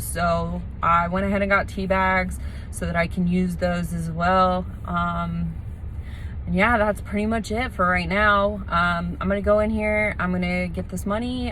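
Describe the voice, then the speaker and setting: A woman's voice: on the low side, a bit bright, slight background noise, low-quality recording. A woman chatting casually as a vlogger, explaining things in an informal, rambling way. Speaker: vlogger preparing for nose surgery. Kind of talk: casual vlog chat.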